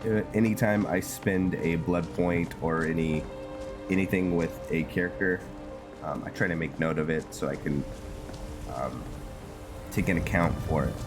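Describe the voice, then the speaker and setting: A very low-voiced male host narrates a roleplay gameplay series, with music plainly audible behind him. He speaks casually and haltingly, thinking aloud and pausing mid-sentence as his commentary rambles along.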